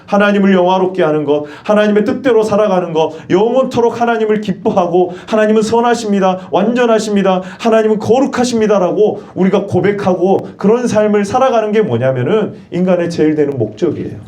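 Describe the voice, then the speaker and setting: A man's voice: sits high, brisk, hardly any pauses, mellow. A male pastor preaching a sermon in church. He poses questions and leads the congregation in repeating phrases.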